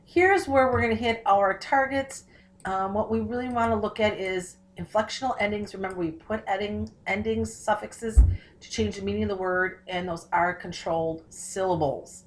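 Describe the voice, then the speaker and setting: A woman teacher giving a recorded phonics tutorial, slowing down to sound out words and spelling patterns, then answering her own questions. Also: medium pitch, slight background noise. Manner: slows down and stretches words to model spelling and syllables; asks questions and answers them herself.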